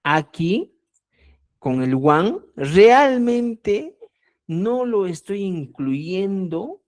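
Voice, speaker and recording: A woman teaching Quechua grammar in a lesson, speaking slowly and deliberately, repeating key words and often checking that listeners follow. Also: medium pitch, very animated, darkish tone. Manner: addresses listeners as "estimados amigos". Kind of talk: explanatory online language lesson.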